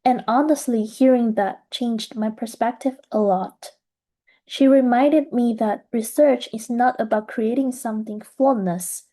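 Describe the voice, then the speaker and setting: A young woman from Taiwan giving a measured, earnest presentation about her graduate studies. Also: fairly high pitch, warm tone. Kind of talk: scripted presentation.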